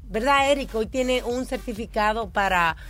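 A woman's voice: a little high, normal speed, a bit bright, soft background music. A woman co-hosting a radio show, reading upbeat promotions for upcoming segments. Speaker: radio co-host. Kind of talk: radio announcements.

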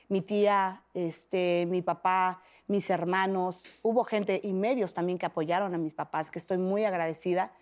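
A woman in her thirties with a Mexican accent, telling a personal story as an interview guest, acting out the voices of others. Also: mid-range voice. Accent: Mexican Spanish. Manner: animated, acts out quoted voices.

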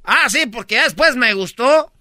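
A man's voice: normal speed, no room sound, studio quality. A man with a Mexican accent hosting a comedy radio show, telling jokes and stories with lots of laughter. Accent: Mexican Spanish. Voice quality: high, bright and excitable, laughs often.

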